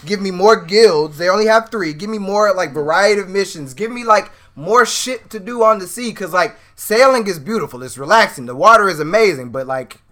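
A man's voice: high-pitched, animated, a little fast, hardly any pauses, fairly bright tone. A man co-hosting a casual gaming podcast, laid-back and slangy, laughing often. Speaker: podcast co-host.

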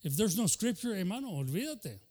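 Man, pastor, fervent bilingual sermon, high voice. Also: big pitch swings, normal speed, darkish tone. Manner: switches between Spanish and English mid-sentence; fervent preaching punctuated by "aleluya" and "hermano".

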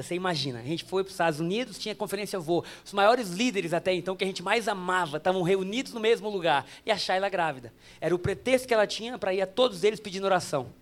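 A Brazilian man in his thirties preaches with a strikingly high voice. He tells funny family stories straight to the congregation, drops to a hush and then comes back forceful. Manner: humorous storytelling, addressing the congregation directly; animated, swinging between hushed and emphatic. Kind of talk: sermon.

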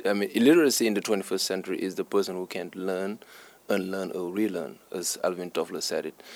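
A man from Senegal with a Senegalese accent, an English teacher answering interview questions earnestly, stressing points through repetition. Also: on the low side.

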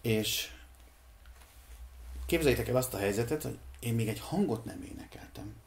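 A middle-aged man from Hungary speaks in a casual discussion, reflective and measured. His voice sits at an ordinary pitch, and he pauses often to think aloud. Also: animated. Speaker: podcast guest, singer.

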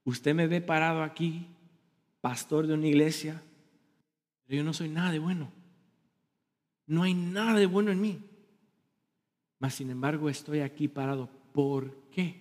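A man preaching a sermon as pastor to his congregation, animated, asking them questions and joking about himself. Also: a little high, normal speed, pauses often, big-room sound. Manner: self-deprecating humor. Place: church sanctuary.

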